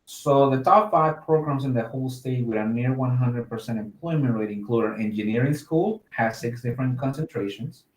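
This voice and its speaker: With hardly any pauses and at a normal speed, a medium-pitched man from Mexico, who works in admissions, responds to interview questions cheerfully and informally, full of filler words. The low-quality recording is reverberant.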